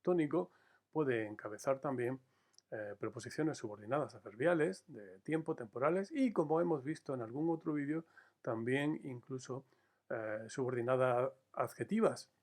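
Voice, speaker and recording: A man delivers a recorded grammar lesson in a voice of ordinary pitch. He explains patiently, dwelling on key words and speaking straight to his students, with the odd "eh" between phrases. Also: darkish tone. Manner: measured, explanatory, stresses key words slowly; addresses students directly with frequent "eh" fillers. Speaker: teacher.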